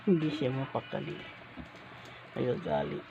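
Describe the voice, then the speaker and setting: A woman's voice: a bass voice, big pitch swings, normal speed, creaky, muffled recording, heavy background noise. A woman at home filming her dog and talking to it in a playful, coaxing way, laughing often. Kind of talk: casual talk to a pet. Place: at home, indoors.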